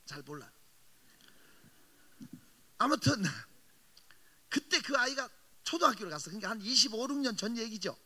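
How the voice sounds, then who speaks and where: A man's voice: high voice, animated, moderate pace, pauses often, pushed and bright. A middle-aged male pastor preaching a revival sermon in a church sanctuary, telling a story with animation and teasing the congregation. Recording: long reverb of a large hall.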